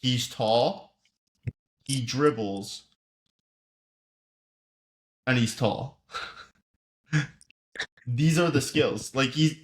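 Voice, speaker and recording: A man co-hosting a podcast in loose, casual chat. He talks bluntly and jokes often. His voice sits at an ordinary middle pitch. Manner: joking, blunt. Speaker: podcast co-host.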